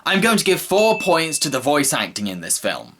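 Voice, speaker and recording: A man's voice: a little high, huge pitch swings, moderate pace. A man narrating a scripted film review. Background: faint background music.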